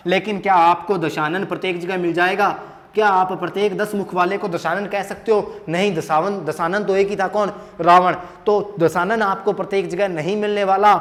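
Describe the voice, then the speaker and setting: High-voiced man teaching at a board. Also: fairly bright tone, long reverb tail. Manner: asks questions and answers them himself; repeats key words, emphatic. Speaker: Hindi teacher. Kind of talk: exam answer key lesson at a board.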